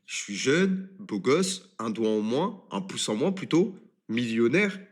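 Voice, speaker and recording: A man in his twenties, a streamer, telling a story on a live stream in an animated, crude and swearing manner. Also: medium pitch, measured pace. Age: 20s.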